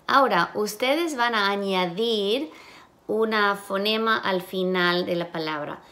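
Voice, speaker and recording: A woman's voice: mid-range voice, slow, pushed and bright. A woman teacher giving a phonics lesson, sounding out letters and syllables one at a time.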